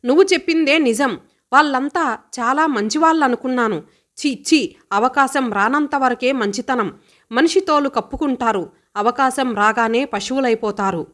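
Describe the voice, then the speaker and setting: A woman's voice: on the high side, expressive. A woman voicing a headstrong, teasing college girl who answers back boldly. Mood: bitter. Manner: bold, mocking, quick retorts.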